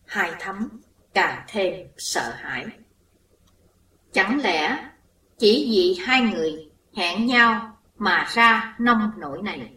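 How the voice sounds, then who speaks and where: A woman's voice: mid-range voice, pushed and bright. A woman narrating a ghost story dramatically, recorded in a roomy space away from the mic. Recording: roomy echo, distant mic.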